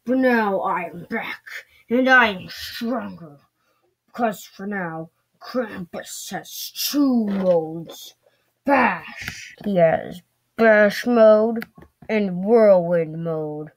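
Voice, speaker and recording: A woman's voice: medium pitch, poor audio. A woman voicing a boastful, evil male Christmas monster who cackles and gloats in a playful home-video skit. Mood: gloating. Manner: cackling, gloating, drawn-out threats.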